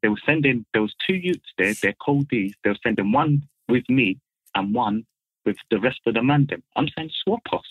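A man's voice: mid-range voice, lively intonation, moderate pace, no room sound. A young man with a London roadman accent, telling stories casually in street slang and repeating himself for emphasis. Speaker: guest phoning in. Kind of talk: casual chat, storytelling. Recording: muffled, tinny phone line.

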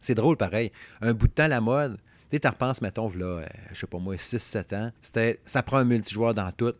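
A man's voice: lowish voice, fairly quick, no room sound. A man with a Québécois French accent, hosting a casual video game podcast and rambling chattily with lots of fillers. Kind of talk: casual chat.

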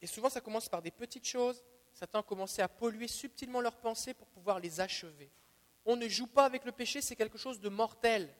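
A man with a Quebec French accent teaching a Bible sermon as a preacher, emphatic and repeating his key phrases, swinging between soft asides and loud declarations. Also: extremely high pitch, fairly quick, long reverb tail.

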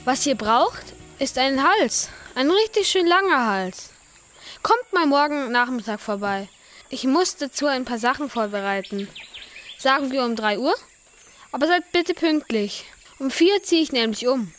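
A brisk, helpful prehistoric cave-dweller voiced by a woman speaks in a high, friendly voice. The figure is a kindly storybook human. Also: lively intonation, fairly bright tone, faint music behind. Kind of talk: children's storybook reading.

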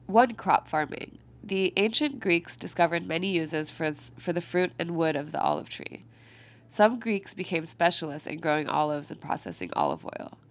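Soft-spoken, gravelly stuffy-nosed woman reading. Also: on the low side. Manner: quiet, unhurried, pausing to comment on the text. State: stuffy nose. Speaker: reader.

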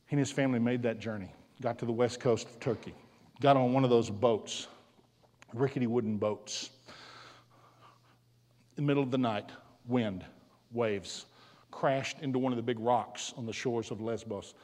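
A man preaching in a large school hall, his voice trailing off in long reverb. He tells a story dramatically and sometimes sinks to a hush. His pitch sits in an ordinary middle range. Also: fairly even intonation, normal speed, long pauses. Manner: dramatic storytelling, dropping to a hushed voice at key moments. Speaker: guest speaker at a school. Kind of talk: storytelling sermon.

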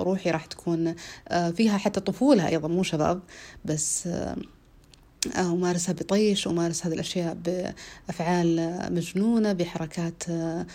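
Woman in her 30s, solo podcast host, low-ish voice, earnest, drawn-out fillers. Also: warm tone. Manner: earnest, repeats herself, pauses on drawn-out fillers.

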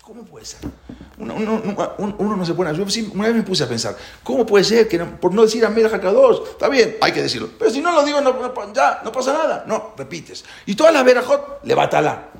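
A man's voice: high voice, very animated, fairly quick, vocal fry. A man teaching a religious class who explains the prayers with many rhetorical questions. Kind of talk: Torah class. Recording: echoey room.

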